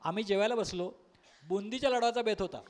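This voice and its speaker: A man tells comic stories from a stage in a high voice. He performs with lively timing and keeps breaking into sung verses and quick character voices. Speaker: stand-up comedian. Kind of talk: comic storytelling monologue. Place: live stage at a college workshop.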